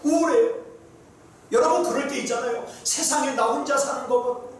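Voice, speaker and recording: A man's voice: extremely high pitch, a little fast. A male pastor preaching a sermon, telling a story and firing rhetorical questions at the congregation. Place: church sanctuary. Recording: echoey sanctuary, mic far off.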